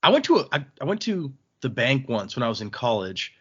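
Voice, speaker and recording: Very animated and brisk, this medium-pitched male podcast host has a fairly bright, breathy voice as he casually recaps a novel. He loosely voices the characters' lines and throws in some swearing. The audio is dull.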